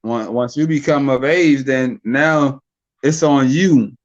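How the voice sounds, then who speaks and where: Taking his time at a medium pitch, a young man rambles through a casual podcast debate over mics. He repeats words while figuring out what he wants to say. The recording is muffled.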